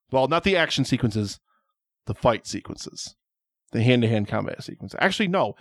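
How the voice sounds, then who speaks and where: A man's voice: mid-range voice, sing-song, normal speed, dry recording, studio quality. A man hosting a podcast in casual chat, rambling, joking and swearing as he talks about films. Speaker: podcast host.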